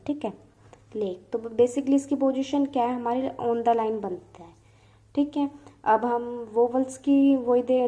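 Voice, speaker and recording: A woman gives an online shorthand lesson. Her voice sits fairly high yet sounds soft and mellow. She works through each rule patiently and stretches out the example words so learners can follow. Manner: explains step by step, repeating example words slowly. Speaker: shorthand teacher.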